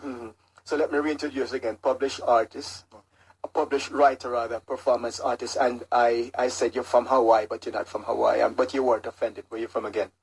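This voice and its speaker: A man's voice: medium pitch, steady tone, moderate pace, low-quality recording. A man hosting a live radio poetry show, chatting, joking and repeating the pledge phone number. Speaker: radio host. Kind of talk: live radio fundraising chat. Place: radio studio.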